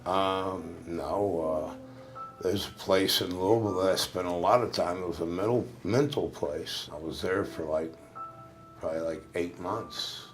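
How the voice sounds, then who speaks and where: A man speaking as a benefits applicant in a scripted training role-play, halting and hesitant with many fillers. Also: sits low, fairly even intonation. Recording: music bed under speech.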